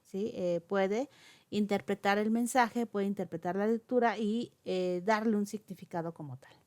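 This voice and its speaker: A woman's voice: medium pitch, normal speed, a little mellow. A woman lecturing on oral communication, explaining step by step with frequent fillers and checking questions. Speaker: teacher.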